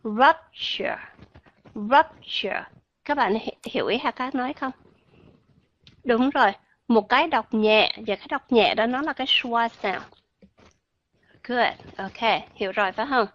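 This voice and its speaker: A woman's voice: fairly high pitch, moderate pace, pauses often, fairly bright tone, dry recording. A woman teaching English pronunciation, patiently repeating sounds and checking that viewers understand. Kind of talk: classroom-style explanation to viewers. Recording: dull, lo-fi sound.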